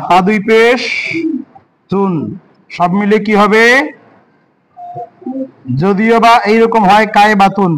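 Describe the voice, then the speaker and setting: A man gives a patient, step-by-step Quran reading lesson in a fairly high voice. He takes his time, sounding out each syllable and saying it over and over. He keeps asking what the letters make and then answers himself. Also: a bit bright, low-quality recording. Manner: patient, spells out syllables and repeats them, asks and answers his own questions.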